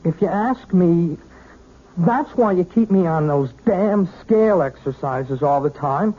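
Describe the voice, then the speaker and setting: An intense young student in an old radio play. He speaks haltingly and earnestly, with very lively pitch and slightly blurred, husky clarity. The sound is tinny and narrow. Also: exaggerated voice. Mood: pleading, hurt. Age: young adult. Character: earnest, lovestruck twenty-year-old male piano student. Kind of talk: 1970s radio drama acting.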